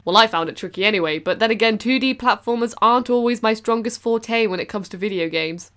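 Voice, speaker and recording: A woman's voice: a little high, fast, fairly bright tone, soft background music. Bubbly young British woman reviewing games. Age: young adult. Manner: bubbly, jokey, bursts into squeals and sing-song bits. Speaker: video game reviewer. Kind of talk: upbeat comedic game review.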